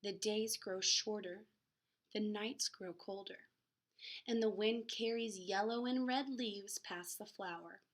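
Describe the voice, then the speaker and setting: A woman with a mid-range voice reads a picture book to children at a slow pace, her intonation fairly even. She adds dramatic emphasis, gasps and exclamations, and drops in casual, chatty asides.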